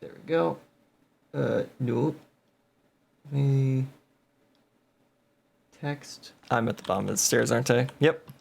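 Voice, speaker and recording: Gravelly slow-talking man playing a game. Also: mid-range voice, a little mellow. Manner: thinking aloud, muttering numbers. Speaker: game video host. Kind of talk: casual gameplay commentary.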